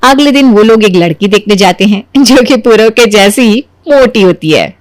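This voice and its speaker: A woman narrating a cartoon story in a lively storytelling manner. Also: medium pitch, moderate pace, dry recording.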